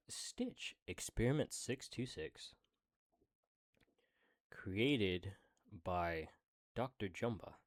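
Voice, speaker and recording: Male streamer, reading aloud; deep-ish voice, slow and relaxed delivery, casual with profane asides. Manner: casual, swears in side remarks.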